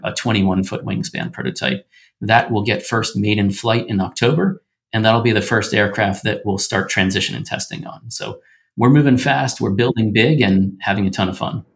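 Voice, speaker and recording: A man answering interview questions as a startup founder, in upbeat, casual tech-bro pitch talk full of business jargon. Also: gravelly.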